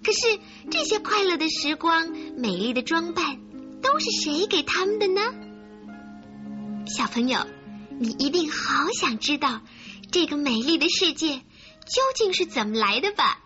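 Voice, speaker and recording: A woman hosting a children's story programme, talking directly to young listeners in an expressive, coaxing storyteller's way. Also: high-pitched, a little slow. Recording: muffled recording with faint music.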